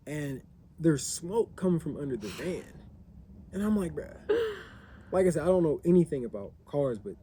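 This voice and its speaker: Mellow-voiced man telling a rambling story. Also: on the high side, sing-song, normal speed, a little hiss or hum. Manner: rambling storyteller with restarts and laughs. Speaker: vlogger. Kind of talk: casual chat.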